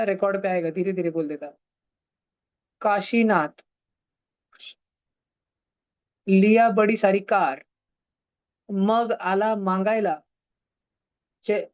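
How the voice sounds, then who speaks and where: A man's voice: sits high, dry recording. Joking man teaching an online class. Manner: teasing, joking with students. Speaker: science teacher. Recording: dull, dry online-class audio.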